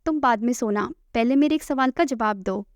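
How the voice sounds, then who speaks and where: A woman's voice: fairly high pitch, normal speed, dry recording, lightly acted. A woman voicing a teasing, persistent young male lover, read plainly in her own voice. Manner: quoted plainly in the narrator's own voice. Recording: dull lo-fi, dry.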